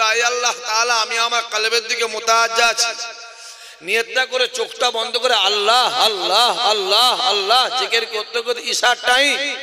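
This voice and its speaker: Fiery high-pitched Bengali preacher, echoing hall. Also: male voice. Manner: shouting to the crowd, calls for responses. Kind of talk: fiery sermon. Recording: long hall reverb.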